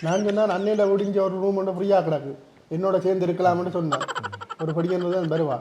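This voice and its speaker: A man's voice: high voice, steady tone, quick pace, lo-fi sound, background noise. A man with a Jaffna Tamil accent, complaining and whining in a comic sketch. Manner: whiny, complaining loudly. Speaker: comedian in a sketch.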